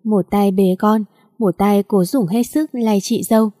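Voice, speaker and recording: A woman reading a storybook aloud in steady scripted narration. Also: mid-range voice, measured pace, no echo, studio quality.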